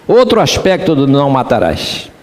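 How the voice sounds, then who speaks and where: A man's voice: medium pitch, wildly swooping pitch, normal speed, darkish tone, long reverb tail. A man pastor with a Rio de Janeiro accent, preaching a sermon in church and asking the congregation rhetorical questions. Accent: Rio de Janeiro Portuguese.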